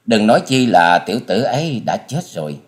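A man's voice: fairly low pitch, sing-song, brisk. A man voicing a sighing sorrowful mother. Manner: sighing, pleading and stern. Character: middle-aged female sect master, sorrowful mother.

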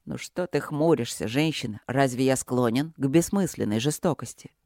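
A serene dragon swordmaster, put on by a woman reading aloud, lowered well below her usual voice. He talks in an unhurried, gently stern way. The sound is close and dry. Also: dry recording. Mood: calm. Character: calm, serene man, a wise dragon swordmaster. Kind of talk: audiobook character voice.

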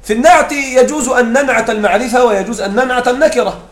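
This grammar lecture comes from a man whose voice is very high and who talks very fast. Working through example after example, he regularly checks that the class understands, and the classroom audio echoes.

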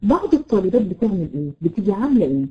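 A woman with an Egyptian Arabic accent teaching Quran recitation, repeating letters slowly to demonstrate and checking on her students by name. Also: medium pitch, big pitch swings, lo-fi sound. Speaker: tajweed teacher. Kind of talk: live online Quran recitation lesson.

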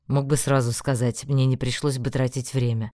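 A woman voicing a brusque young nobleman who talks low, clipped and sardonic. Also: flat delivery, normal speed, dark tone, dry recording, clean studio sound. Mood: offhand.

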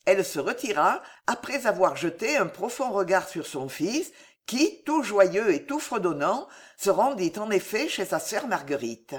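A woman narrating a historical novel as an audiobook, in an expressive, dramatic way. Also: medium pitch, unhurried.

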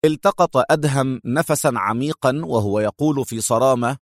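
A man narrating a spy thriller as an audiobook in an even, dramatic storytelling manner. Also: medium pitch, moderate pace, no echo, studio quality.

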